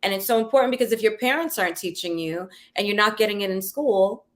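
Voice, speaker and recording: A woman's voice: mid-range voice, quick pace. Emphatic female co-host. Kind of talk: casual interview hosting.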